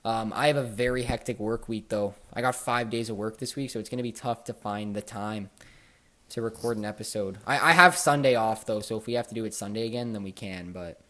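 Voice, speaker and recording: A man hosting a casual podcast, telling stories in an animated way and swearing often. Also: on the low side, fairly quick. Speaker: podcast host.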